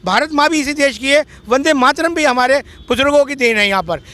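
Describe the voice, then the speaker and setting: A man's voice: very high voice, animated, brisk, pushed and bright. A man in a heated street debate, arguing insistently and repeating his questions.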